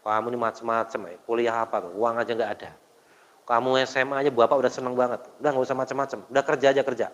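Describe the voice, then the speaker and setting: A preacher puts on a stern, hard-up father who brushes off his child with quick, dismissive scolding. The voice sits a little lower and faster than the sermon around it. A long hall echo hangs on the muffled sound. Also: level tone, natural voice. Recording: dull, long hall reverb.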